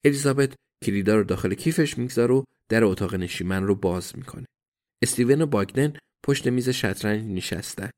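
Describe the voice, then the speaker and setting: Low-voiced male audiobook narrator. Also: darkish tone.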